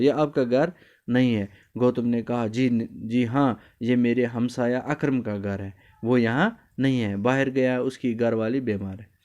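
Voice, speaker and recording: A man teaches a story lesson to young children. He speaks in a flat, level pitch with a clear, smooth tone. He repeats phrases and explains each new word carefully. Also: highs cut off. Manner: explains word meanings, switches briefly into Kashmiri; addresses children fondly, repeats lines.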